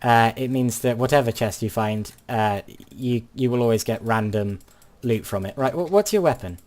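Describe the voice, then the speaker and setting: A woman's voice: rumbling low, normal speed, a little mellow. A woman, chatting through a game as the host, with dry jokes and stammered restarts. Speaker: channel host playing a minecraft minigame. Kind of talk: casual gaming commentary.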